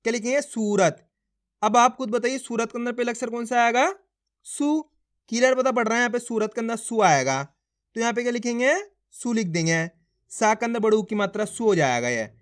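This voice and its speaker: A man teaching Hindi reading, sounding out words syllable by syllable and quizzing his viewers as friends. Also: sits high. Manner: addresses viewers as friends, urging them to try. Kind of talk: slow spelling-out lesson.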